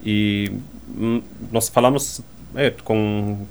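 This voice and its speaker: A German-born man speaks Portuguese in conversational interview answers, with a German accent, slightly ungrammatical phrasing, and frequent tag questions at the ends of his sentences. His voice is lowish, with fairly even intonation and drawn-out words. Slight background noise can be heard.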